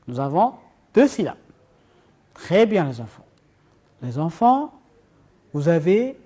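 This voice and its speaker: A man's voice: a little high, darkish tone. A male teacher giving a lesson to young children, speaking patiently and repeating words in a sing-song way. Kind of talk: children's lesson on syllables and a nursery rhyme.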